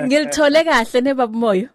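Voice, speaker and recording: A woman hosting a faith-based radio talk show, chatty and quick to laugh with her guests. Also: high voice, no echo, clean studio sound.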